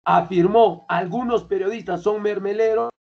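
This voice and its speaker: High-voiced teacher quizzing students. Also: male voice, steady tone, moderate pace, gravelly. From Peru. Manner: colloquial, keeps quizzing students. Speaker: language teacher. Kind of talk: classroom lecture. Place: classroom. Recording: dull lo-fi classroom recording.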